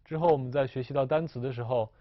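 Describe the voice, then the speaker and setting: A man teaching a recorded language lesson, explaining slowly and carefully with frequent hesitations. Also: mid-range voice, dry recording, highs cut off.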